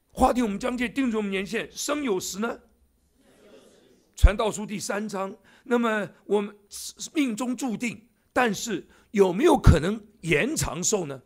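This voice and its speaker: A man's voice: sits high, lively intonation, moderate pace. A man in his seventies, a church elder, preaching a sermon in a church with jokey asides to the congregation. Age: 70s.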